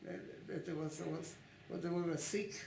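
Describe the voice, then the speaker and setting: A woman in her nineties, born in Italy and raised in Italy and Switzerland, recalling her past in an oral history interview at her home, speaking haltingly and restarting often as she searches for words. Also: fairly low pitch, fairly even intonation, vocal fry, warm tone. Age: 90s. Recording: roomy echo in a home.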